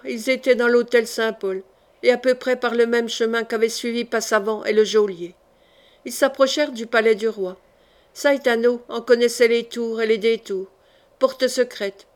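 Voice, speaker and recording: Female audiobook reader, somewhat high voice, dramatic measured narration of a historical novel. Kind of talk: reading a historical novel aloud.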